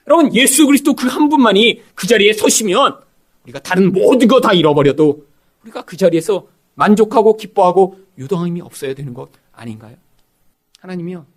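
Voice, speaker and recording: A middle-aged male pastor preaching a sermon, asking the congregation rhetorical questions and acting out quoted voices. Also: sits high.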